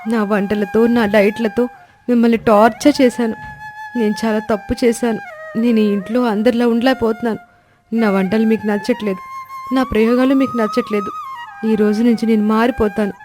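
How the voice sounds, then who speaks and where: A woman voicing a dramatic young daughter-in-law who dreams of being an actress, in an animated story. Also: fairly high pitch, a little fast, soft background music, pitched above the performer's own voice, natural voice. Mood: tearful. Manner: tearful pleading then showy and boastful.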